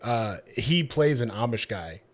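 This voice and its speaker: A man's voice: mid-range voice, expressive, a little slow. A man in his thirties co-hosting a podcast, chatting casually in a rambling, joking way with frequent swearing. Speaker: podcast co-host. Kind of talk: casual chat.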